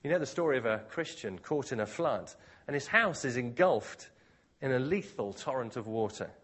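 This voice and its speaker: Male preacher, mid-pitched, husky, animated delivery; conversational expository sermon. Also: moderate pace.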